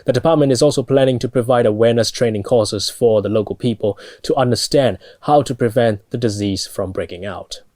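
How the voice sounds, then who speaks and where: A man's voice: medium pitch, brisk, few pauses, a little mellow, no room sound. A young man with a Burmese accent reading scripted news as a studio anchor. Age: young adult.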